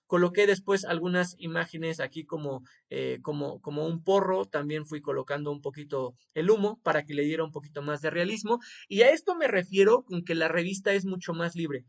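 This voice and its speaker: A man's voice: on the high side, a little fast, gravelly, few pauses. A man giving a screen-recorded tutorial lesson, talking to the student informally and checking in with frequent tag questions. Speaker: teacher.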